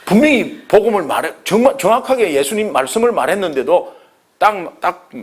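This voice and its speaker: Male pastor, evangelism class, animated and playful, lively pitch, fairly high voice. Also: fairly quick, husky. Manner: animated, acts out dialogues, laughs along.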